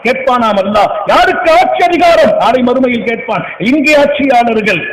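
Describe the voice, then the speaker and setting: A man preaching a sermon, swinging between impassioned shouts and hushed asides. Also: extremely high pitch, animated, normal speed, echoey room, a little hiss or hum, low-quality recording.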